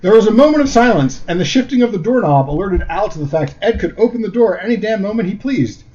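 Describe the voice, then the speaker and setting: A man's voice: high-pitched, expressive, quick pace, warm tone. A man co-hosting a comedy podcast, chatting casually with rambling jokes and many fillers, and reading a story aloud. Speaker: podcast co-host. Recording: dull lo-fi recording.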